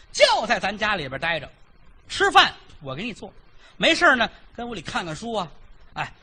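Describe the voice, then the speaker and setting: Fussing old mother-in-law, put on by a male storyteller, coaxing, chatty, bright voice, lively swoops. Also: high voice, a little hiss or hum, voice pushed up, exaggerated voice. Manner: coaxing, chatty, reasoning step by step.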